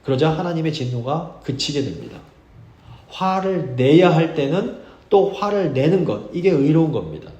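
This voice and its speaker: A male pastor giving a sermon, earnest and measured, reading scripture slowly for emphasis. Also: fairly high pitch, expressive, mellow, roomy sound, muffled recording. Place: church sanctuary.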